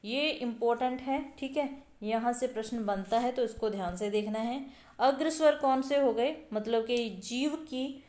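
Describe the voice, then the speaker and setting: A woman's voice: a little high, unhurried, a little mellow, roomy sound. A woman teaching an exam-prep lesson, explaining step by step and sounding out vowels aloud. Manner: explanatory, repeats sounds aloud, many fillers.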